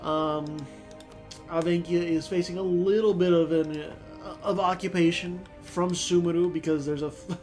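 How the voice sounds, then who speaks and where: A man with a high, darkish voice, a sore throat, and a stuffy nose gives relaxed let's-play commentary on a strategy game. He rambles and reasons aloud, packing in fillers.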